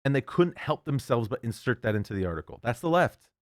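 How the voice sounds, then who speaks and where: A man's voice: mid-range voice, big pitch swings, fast talker, no room sound, studio quality. A man reading an article aloud and breaking off into heated, indignant commentary, often stumbling and restarting. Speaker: political commentator.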